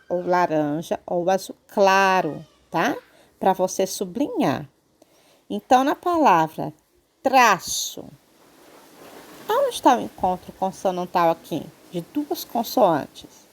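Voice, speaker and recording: A woman teacher with a Brazilian accent, patiently explaining a grammar lesson to children and checking in often. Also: medium pitch. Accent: Brazilian Portuguese. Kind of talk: online Portuguese lesson for children.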